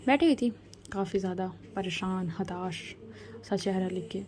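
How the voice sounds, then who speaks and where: A woman storyteller, telling a love story casually in a soft, half-whispered voice with chatty asides. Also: medium pitch, moderate pace.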